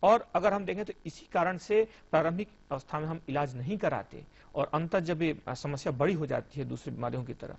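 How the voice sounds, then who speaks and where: A young police officer appears as a guest in a TV studio interview, explaining things earnestly in formal Hindi mixed with English terms. His creaky voice is fairly high and fairly quick, with few pauses. The broadcast audio sounds muffled.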